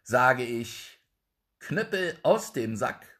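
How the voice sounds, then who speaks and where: A man voicing a confident young craftsman son in a calm, measured way, close to his own voice. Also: medium pitch, full character voice. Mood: firm.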